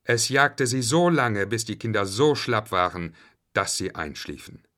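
Man narrating a kids' story, unhurried and animated. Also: low voice. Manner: slow, expressive. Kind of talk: reading a bedtime story.

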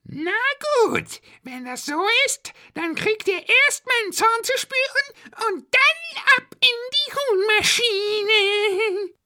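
A man voicing a spiteful, gloating baby chicken villain in a mean, squeaky voice. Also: animated, slow pace, bright, forceful tone, exaggerated voice.

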